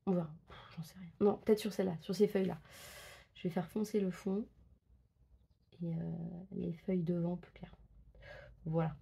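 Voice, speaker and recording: A woman talks casually as she colors, testing pencils and thinking aloud. Her voice is husky and slightly breathy, with a gravelly fry, and her speech is full of fillers and self-corrections. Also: fairly low pitch, darkish tone. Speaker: coloring book vlogger. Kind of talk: casual chat while coloring.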